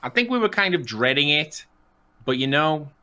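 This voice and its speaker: A man's voice: a little high, very animated, normal speed, pushed and bright. A man co-hosting a podcast with casual banter and a playful, teasing way of talking. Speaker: podcast co-host.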